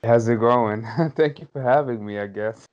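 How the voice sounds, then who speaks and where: On slightly dull lo-fi audio, a podcast guest from Somalia, a man in his thirties, tells reflective stories about growing up. His voice is medium-pitched and moderately paced, and he often hedges and laughs lightly.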